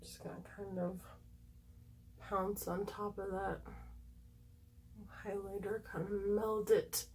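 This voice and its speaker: A woman with a slightly squeaky voice giving a casual, chatty makeup tutorial, gushing and emphatic as she thinks aloud to her viewers. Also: flat delivery, takes it slowly, long pauses, a little mellow, low-quality recording.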